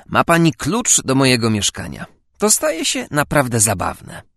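A charming, self-assured gentleman seducer, read by a man in a lowered, soft, amused tone. The voice is gravelly and rises and falls freely. The recording is dry and close. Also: huge pitch swings, a little slow, no room sound, exaggerated voice.

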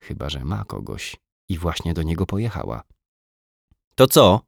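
A man's voice: rumbling low, sing-song, a little fast, creaky, darkish tone, no room sound, clean studio sound. A man narrating an audiobook in the first person, reflective and brooding, with a self-mocking edge.

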